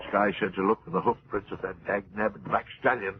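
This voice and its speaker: An actor playing a folksy, excitable cowboy ranch hand in an old-time radio western. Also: male voice, fairly low pitch, a little fast, narrow, tinny audio, slight background noise, lightly acted. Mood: tense.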